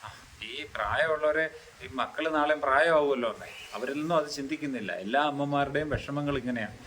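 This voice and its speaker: A man interviewing a resident at a care home, gentle and reassuring, often repeating his words of comfort. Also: mid-range voice, a little fast, slight background noise. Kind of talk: consoling interview.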